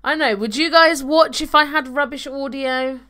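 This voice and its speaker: This gaming streamer's voice is high and sharp, moving at a moderate pace. She's a young woman broadcasting from home, reading viewer comments and chatting casually into a desk microphone while she plays.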